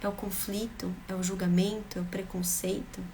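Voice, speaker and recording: A woman's voice: medium pitch, level tone, moderate pace, dark tone, a little hiss or hum. A woman speaking earnestly and emphatically, giving parenting advice straight to the camera and repeating phrases for rhythm. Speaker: parenting vlogger.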